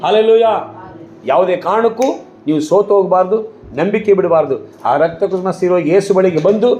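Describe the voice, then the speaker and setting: A man's voice: high voice, normal speed, dark tone, reverberant, muffled recording, slight background noise. A male pastor preaching a sermon with fervent, repetitive exclamations that rise and build.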